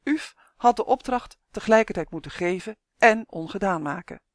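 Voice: medium pitch, lively intonation, no room sound, studio quality, close to an everyday voice. A reader doing a bossy dwarf girl. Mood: brisk, bossy. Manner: bossy, impatient, quick. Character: brisk, practical young dwarf girl.

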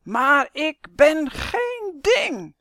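A woman voicing a stern, proud male coat that comes alive, who moves from hushed menace to shouting. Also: mid-range voice, sing-song, slow, no room sound, clean studio sound, heavily acted. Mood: menacing.

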